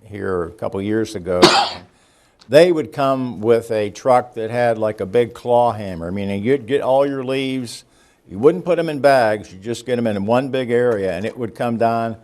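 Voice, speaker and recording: A man's voice: mid-range voice, normal speed, a little mellow, slight background noise. An older man on a council casually asking a question at a meeting.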